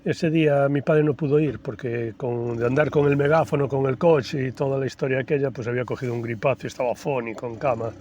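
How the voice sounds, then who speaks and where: A man, giving a personal testimony in church in a conversational, storytelling way that turns soft and reflective. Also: mid-range voice, fairly even intonation, fast, hardly any pauses, muffled recording, slight background noise. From Galicia, Spain. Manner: conversational storytelling with frequent tag questions; grows softer and reflective.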